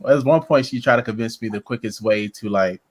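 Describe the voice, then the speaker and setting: A man's voice: medium pitch, brisk, a little hiss or hum. A man who works as a comedian, telling laid-back anecdotes on a video-call panel and laughing at them. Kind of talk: casual panel chat.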